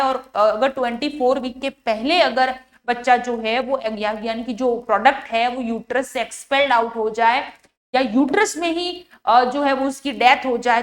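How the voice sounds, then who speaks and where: A woman with a Rajasthani Hindi accent giving an exam-prep lecture as a nursing tutor, explaining step by step and often asking students to answer, with many fillers. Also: fairly high pitch.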